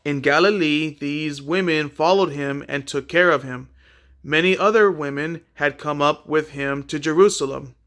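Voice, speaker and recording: A man reading a Bible chapter aloud in a plain, unhurried way, with a few small slips and repeated words. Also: fairly high pitch, fairly bright tone. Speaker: scripture reader.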